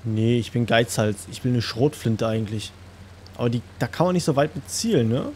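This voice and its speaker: A man's voice: mid-range voice, animated, brisk, a little mellow, a little hiss or hum. A young man with a German accent giving casual, crude, joking let's-play commentary to his viewers. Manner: joking, crude, talks to viewers, sings along.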